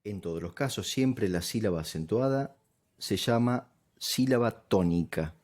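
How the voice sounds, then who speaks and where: Patient low-voiced male teacher. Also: expressive, unhurried, a little mellow. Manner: patient, step-by-step, checks understanding with "¿sí?". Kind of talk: grammar lesson explanation.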